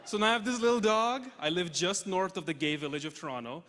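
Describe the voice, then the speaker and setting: A young man from Russia doing a stand-up comedy set on stage, deadpan punchlines with sudden loud jumps. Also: high-pitched, fast. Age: young adult. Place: large theatre stage with audience. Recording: hall reverb, faint noise.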